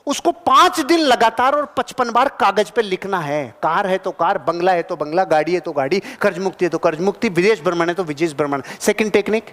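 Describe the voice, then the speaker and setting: A man giving a live motivational seminar talk to an audience in a large hall. He is animated, swings between loud bursts and low asides, and keeps asking the crowd questions. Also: fairly quick, hardly any pauses. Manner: addresses the audience directly with questions. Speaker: motivational speaker. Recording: long reverb of a big hall.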